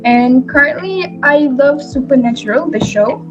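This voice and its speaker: A woman of nineteen, a communication student, talking in a relaxed way. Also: high voice, unhurried, highs cut off, over music. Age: late teens.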